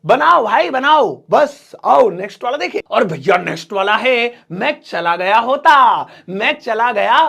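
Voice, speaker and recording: A man teaching English sentences in a casual, joking style, slowing down to repeat each drill example. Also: extremely high pitch, animated, creaky, pushed and bright. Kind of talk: casual Hindi English lesson.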